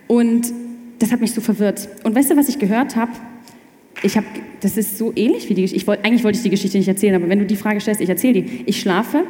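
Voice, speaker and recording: A young woman telling her faith story in casual chat, animated and quick to restart her sentences. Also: medium pitch. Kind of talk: personal testimony in casual chat. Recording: echoey room with long reverb.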